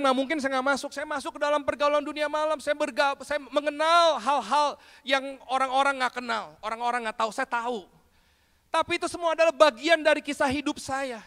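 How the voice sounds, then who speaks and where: A man preaching a testimony sermon, telling his story in a lively storytelling way and often addressing listeners directly. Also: extremely high pitch, clean tone. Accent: Indonesian. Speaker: pastor. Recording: long hall reverb.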